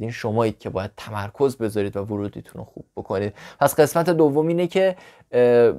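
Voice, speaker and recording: A man whose first language is Persian, an English teacher giving a casual spoken lesson to camera, animated and blunt, talking straight to the viewer. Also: medium pitch.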